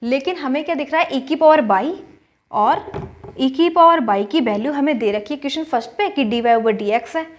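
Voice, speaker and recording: A woman's voice: high voice, moderate pace, a little hiss or hum. A woman math teacher, patiently explaining a solution step by step and often checking that students follow.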